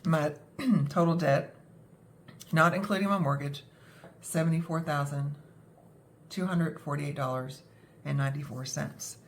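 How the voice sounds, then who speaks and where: A woman's voice: deep voice, a little slow, pauses often. A young adult woman with a scratchy throat from a cold, talking casually and self-deprecatingly, with many fillers. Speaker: budgeting vlogger. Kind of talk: casual talk to camera.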